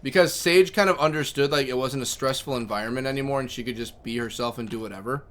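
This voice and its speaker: This game streamer talks fast in a medium-pitched voice with a little brightness to it. Between moves he chats casually, reads out messages from chat, and spins stories about his pets.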